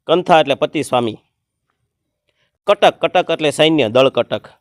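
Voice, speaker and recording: A man, teaching an exam-prep grammar lesson and explaining word meanings one by one, sometimes chanting a verse slowly. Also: on the high side, lively intonation, no echo, clean studio sound.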